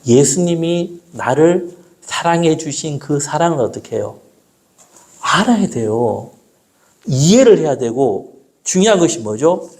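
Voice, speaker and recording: A middle-aged man preaching a sermon. He keeps asking the congregation questions and answering them himself, and he slows down when he quotes scripture. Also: fairly high pitch, sing-song, a little mellow. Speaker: pastor.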